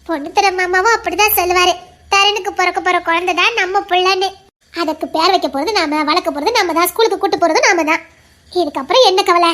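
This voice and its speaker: A woman's voice: extremely high pitch, brisk, a bit bright. An actress playing an affectionate young village wife who reassures her family with fond chuckles, speaking with a Tirunelveli accent. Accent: Tirunelveli Tamil. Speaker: actress in a family web drama. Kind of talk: village family drama acting.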